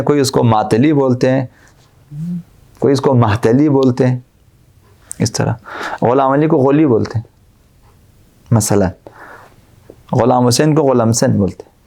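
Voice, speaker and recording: In this religious lecture, a man with a mid-pitched, gravelly and mellow voice, an Islamic cleric, first recites verses in Arabic. He follows each with simple explanations built on repetitive examples.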